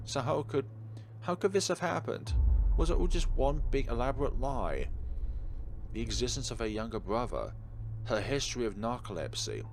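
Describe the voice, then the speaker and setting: A man reads a visual novel aloud with theatrical emphasis, breaking in with his own reactions and casual let's-play commentary. His mid-range voice has lively intonation at a moderate pace, and the background is clearly noisy.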